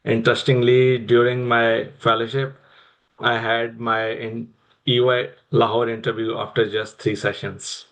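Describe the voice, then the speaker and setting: A man's voice: mid-range voice, flat delivery, unhurried, fairly bright tone, low-quality recording. A young man with a Pakistani accent, telling his personal story as an interview guest. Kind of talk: personal career storytelling in conversation.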